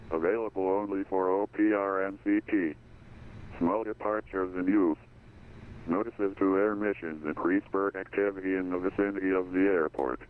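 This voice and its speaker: A deep male voice plays as an automated airport weather broadcast, listing visibility, clouds and runways in a level, unhurried recitation. It comes through a thin, phone-like radio channel with the low end stripped away. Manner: flat, even reading of weather and runway data. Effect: automated airport weather broadcast over radio. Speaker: automated terminal information service. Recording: tinny lo-fi radio feed.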